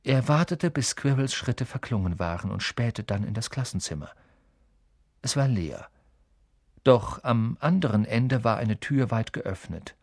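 A male narrator reads a novel aloud in an expressive storytelling manner, leaning into key words with lively emphasis. His voice sits at an ordinary middle pitch. The recording is close and dry, with no room echo. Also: measured pace. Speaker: audiobook narrator. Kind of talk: scripted audiobook narration.

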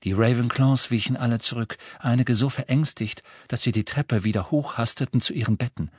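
A man narrating a fantasy audiobook with measured, dramatic storytelling. His voice sits at an ordinary male pitch. The recording is dry and close, with no room sound. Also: no room sound. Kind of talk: scripted narration.

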